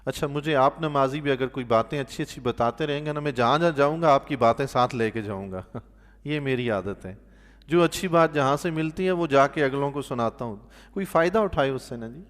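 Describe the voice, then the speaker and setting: Imam preaching in a long-reverb hall. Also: male voice, mid-range voice. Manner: animated storyteller, voice swelling loudly on emphatic points; drops to a soft, quiet tone for pious exclamations. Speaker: mosque imam giving Quran commentary. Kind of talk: sermon-style Quran commentary with storytelling.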